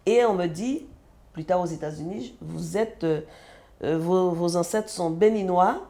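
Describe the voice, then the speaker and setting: A woman from the French Antilles, a mother, telling her personal story as a guest in an animated way and acting out the dialogue. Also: fairly low pitch, measured pace. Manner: animated, acts out quoted dialogue. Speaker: guest, mother of a sick child.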